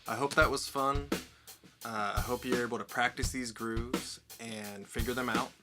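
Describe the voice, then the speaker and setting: A man's voice: medium pitch, fairly even intonation, moderate pace, loud music behind the voice. A young man teaching drum set, explaining step by step and counting beats aloud in an upbeat way. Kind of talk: instructional lesson.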